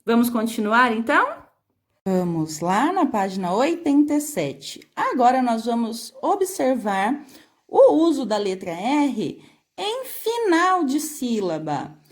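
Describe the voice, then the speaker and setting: A woman's voice: on the high side, sing-song. A woman teacher from Brazil with a Brazilian Portuguese accent, giving a remote phonics lesson to young children and stretching out words so the sounds come through. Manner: slow, careful, stretching out words to show sounds. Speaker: primary school teacher.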